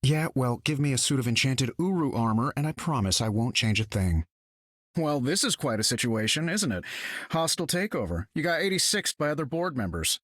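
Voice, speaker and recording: Iron Man, lively glib hero. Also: medium pitch, a little fast, no echo, clean studio sound. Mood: glib, teasing. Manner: wry, casual, self-assured. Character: glib, confident, wisecracking male inventor superhero. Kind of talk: video game character acting.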